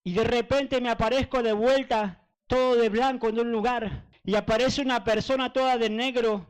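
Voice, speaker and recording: A man preaches a fervent testimony, circling back on his phrases again and again. His voice sits high and rings smooth and clear. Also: steady tone, normal speed, low-quality recording. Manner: fervent and repetitive. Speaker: evangelist. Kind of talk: testimony sermon.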